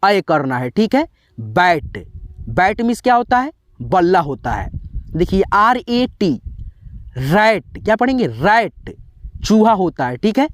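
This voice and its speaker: This channel host explains English pronunciation rules like a classroom lesson, in a high-pitched, very animated voice at normal speed. He repeats himself often, poses questions only to answer them, and keeps dropping "theek hai"; there's no room sound.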